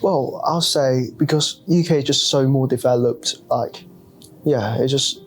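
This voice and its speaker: A young man from Hong Kong, a student chatting in a relaxed way with short, simple phrasing. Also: mid-range voice, measured pace, a little hiss or hum, low-quality recording. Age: young adult. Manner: laid-back, simple phrasing, short reactions. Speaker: student discussion participant. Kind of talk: casual debate chat.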